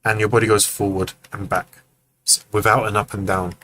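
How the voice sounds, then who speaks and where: Low-voiced man giving animation feedback. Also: level tone, brisk, a bit bright, slight background noise, rough recording. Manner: explains by acting out movements, thinking aloud; friendly, joking asides to chat. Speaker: animation reviewer hosting a live stream. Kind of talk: casual live-stream feedback.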